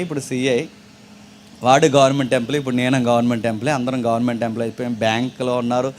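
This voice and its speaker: A man preaching to young people, telling stories and asking the audience questions, sometimes loud and sometimes low. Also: slight background noise. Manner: storytelling, asks the audience questions, wide swings in loudness and pace.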